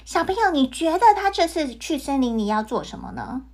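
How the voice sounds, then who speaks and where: A woman reads a fairy tale to children, lively and sing-song, often asking the kids questions. her voice sits high and bright, with soft music faintly underneath. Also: brisk. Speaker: children's storyteller. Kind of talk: storytelling for children.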